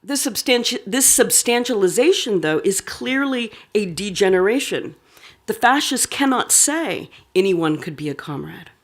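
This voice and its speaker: A woman's voice: medium pitch, expressive, normal speed. A woman giving an academic lecture, reading a prepared text aloud with occasional asides and fillers. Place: lecture hall.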